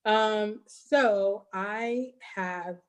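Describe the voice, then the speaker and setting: A woman's voice: medium pitch, extremely slow. Earnest woman guest on a video call. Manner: heartfelt, earnest, reflective. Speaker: guest filmmaker and teacher. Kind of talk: casual interview chat.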